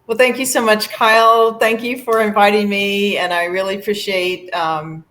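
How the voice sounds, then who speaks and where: A middle-aged musician from Virginia is a guest in a casual interview, speaking in a medium-pitched, steady, fairly bright voice. She is friendly, laughs readily, and uses many fillers.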